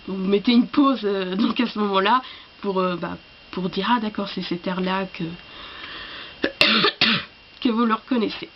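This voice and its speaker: A woman with a cold, coughing now and then, who talks to camera about books in a halting, apologetic way. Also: mid-range voice, muffled recording, slight background noise. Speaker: book vlogger. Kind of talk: casual chat to camera.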